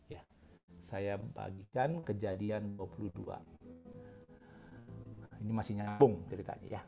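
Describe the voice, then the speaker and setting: A man's voice: fairly low pitch, steady tone, unhurried, vocal fry, music in the background. A man preaching a sermon as pastor, in a casual, conversational way, often putting questions to the congregation.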